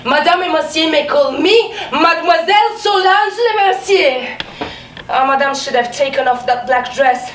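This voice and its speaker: An actress playing a scheming maid who mocks and shouts theatrically on a stage, caught from a distance in an echoey theatre. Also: female voice, high voice, monotone, normal speed, hardly any pauses. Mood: triumphant. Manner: mocking, theatrical, with bursts of laughter and shouting. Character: a scheming maid, a grown woman, mocking and unhinged. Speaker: stage actor. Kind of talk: live stage acting. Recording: distant, echoey theatre recording with room noise.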